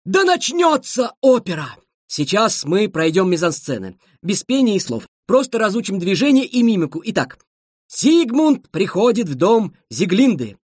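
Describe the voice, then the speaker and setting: A man voicing an excitable, fussy opera conductor who shouts stage directions in a theatrical way. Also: sits high, normal speed, breathy edge, no echo, clean studio sound, voice pushed up, heavily acted. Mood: excited.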